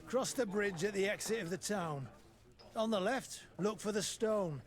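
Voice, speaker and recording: A man's voice: sits high, normal speed, close to an everyday voice. A man playing a jovial, slurring town drunk, an old-hand soldier in a video game tavern who chats with sly familiarity. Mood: confiding. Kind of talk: video game character acting.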